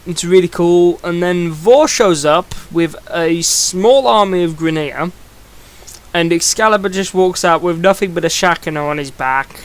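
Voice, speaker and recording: A man's voice: fairly high pitch, clear, resonant tone. A young man giving a casual video review, rambling and chatty, often restarting his sentences. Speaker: comic book reviewer.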